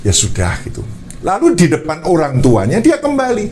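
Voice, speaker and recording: A man preacher telling a personal story in a lively sermon, addressing the listeners as brothers. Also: fairly high pitch, moderate pace.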